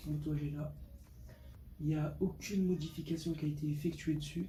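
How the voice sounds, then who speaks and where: In poor audio with background noise, a teenage vlogger from Portugal, age 15, shows his motorbike and talks fast in a slightly high, mellow voice. His intonation is fairly even. He keeps it casual and unscripted, slangy, repeating words to stress them.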